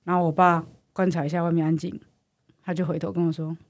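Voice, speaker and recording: A young woman with a Taiwanese Mandarin accent, co-hosting a podcast and retelling a story in a lively, dramatic way. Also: fairly low pitch, quick pace. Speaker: podcast co-host. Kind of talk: animated storytelling.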